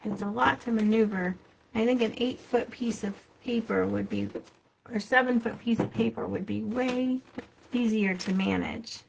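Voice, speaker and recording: A woman's voice: a little high, fairly even intonation, moderate pace, gravelly, highs cut off, slight background noise. A woman hosting a live sewing demonstration, chatting casually to herself and viewers as she works. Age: adult with a child. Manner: chatty, talks to herself while working. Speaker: quilting shop host.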